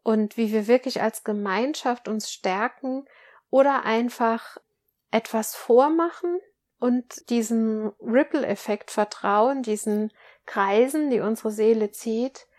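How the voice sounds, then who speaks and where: A woman hosting a spiritual podcast, speaking calmly and gently as she relays messages from her teachers to her listeners. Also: a little high, slow pace. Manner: calm, gently instructive, addresses listeners as dear children. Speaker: spiritual medium and podcast host. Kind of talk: channeled spiritual talk.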